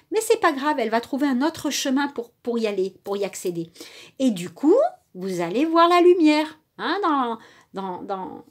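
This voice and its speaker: A woman's voice: on the high side, darkish tone, slightly rough. A woman reading tarot and oracle cards for her viewers in a casual, chatty way, full of little fillers and the odd stumble over her words. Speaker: tarot and oracle card reader.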